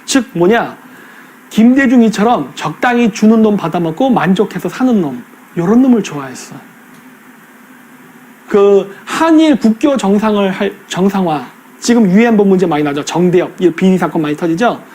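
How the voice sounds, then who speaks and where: A man's voice: sits high, a little fast. A middle-aged man giving a casual, coarse-spoken commentary monologue, acting out voices in quotes. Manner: animated, acts out voices in quotes, coarse slang. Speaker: political commentator.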